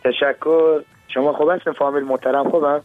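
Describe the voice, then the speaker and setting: A man's voice: a little high, steady tone, no room sound, narrow, tinny audio, soft background music. A man from Herat speaking with a Herati accent, a guest singer on a radio show, courteous and brief in his replies. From Herat, Afghanistan.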